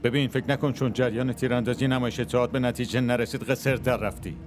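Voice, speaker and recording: A man's voice: medium pitch, steady tone, a little hiss or hum, close to an everyday voice. A man dubbing a protective, threatening father in a drama series. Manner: menacing. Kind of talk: Persian dub of a drama series.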